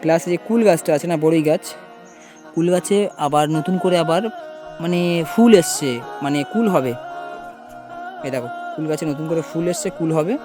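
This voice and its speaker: Animated, coaxing man on a rooftop. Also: a little high, moderate pace, over music. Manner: animated and coaxing, often raising his voice playfully. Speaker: vlogger. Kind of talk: casual vlog chat. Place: rooftop garden, outdoors.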